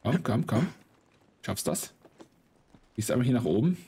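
A man giving excitable, slangy casual commentary while he plays a game, swearing often. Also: medium pitch, unhurried, gravelly, breathy edge. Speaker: let's play host.

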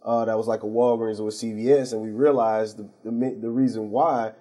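A man's voice: fairly low pitch, little pitch movement, fairly quick, warm tone. A man, a pharmacy owner, explaining his services as a guest on a TV interview show, earnest and full of fillers and restarts. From St. Louis area.

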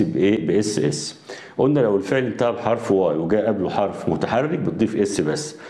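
A man's voice: sits low, dark tone. Egyptian man teaching grammar in an echoey room. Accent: Egyptian Arabic. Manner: asks quiz questions and answers them himself; spells out English words slowly. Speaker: English teacher. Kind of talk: grammar lesson.

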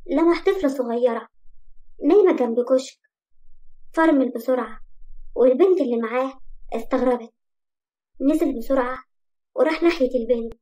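A woman with an Egyptian accent narrates a story in a calm, measured reading. Her voice sits high yet sounds dark and mellow.

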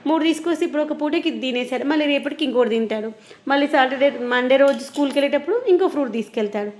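A woman's voice: high-pitched, racing, darkish tone. A woman. She chats casually to her viewers like a home vlogger, explaining her points in an everyday conversational way. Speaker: vlogger and mother.

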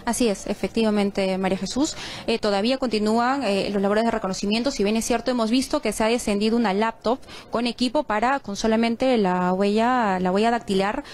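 A woman from Peru delivering a live news report from a crime scene, measured and a little halting. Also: fairly high pitch, a little mellow. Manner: measured, with frequent fillers. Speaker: field reporter. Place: outdoors on a street at a crime scene.

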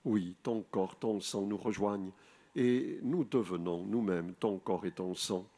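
A man in his sixties, a priest, leading the rosary and a spoken meditation in slow, measured recitation at an outdoor grotto, speaking into a lectern mic. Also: fairly low pitch, dark tone, breathy edge. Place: outdoor rock grotto shrine. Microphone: boom mic on a lectern.

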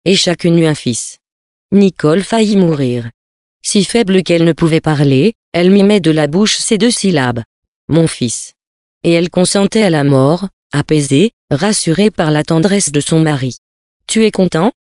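A man reading a French novel aloud as an audiobook narrator, in a measured literary manner, giving the characters small shifts of voice. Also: on the high side, animated, a little mellow, dry recording, clean studio sound.

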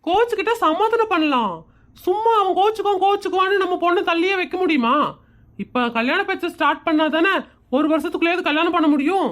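Fussy nervous cartoon neighbour girl, talks fast. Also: very high-pitched, fairly bright tone. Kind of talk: cartoon comedy voice acting.

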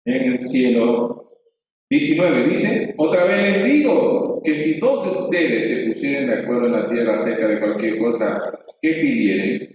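A man's voice: mid-range voice, darkish tone, a little hiss or hum. A man teaching Sunday school in a conversational way, acting out voices of quarreling children. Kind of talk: church teaching. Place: church hall. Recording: echoey, distant, dull church audio.

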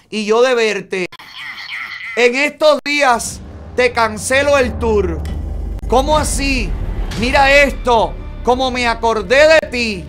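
A Cuban man hosts a gossip show in a very high-pitched, slightly bright voice. He reads private chats aloud and comments on them flamboyantly and theatrically, with plenty of exclamations.

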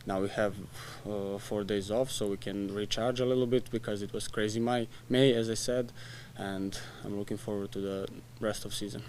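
A young man answers reporters after a match, talking in plain, halting bits, restarting phrases, with a soft laugh now and then. His voice sits low and stays flat. The desk mic catches faint room hum. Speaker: soccer player. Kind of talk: post-match press conference. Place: press room in front of a sponsor backdrop. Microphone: desk mic in front of him.

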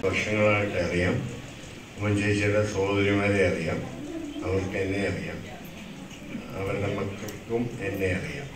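A man recalls old family memories in a speech. His voice is low and distant from the microphone. The hall echoes and background noise is clear. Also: steady tone, measured pace, pauses often. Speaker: guest speaker. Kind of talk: celebration speech.

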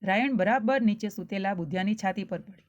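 A woman's voice: medium pitch, a little fast. Woman telling a children's story. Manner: addresses young listeners directly with questions.

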